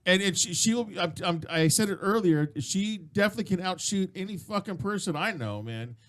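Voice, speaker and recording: An excitable man hosting a radio talk show, his voice sitting a little high as he gets loud and swears through his stories. He sounds like he is in a studio set up for live streaming. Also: brisk. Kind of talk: casual studio chat.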